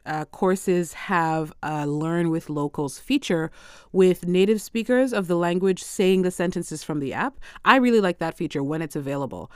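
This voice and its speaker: A woman hosts her own solo language-learning podcast, speaking close to the mic in a dry, deadened room with no room sound. Her smooth, clear voice sits a little low with a darkish tone. She chats easily, laughs often, and slips Portuguese phrases into her talk.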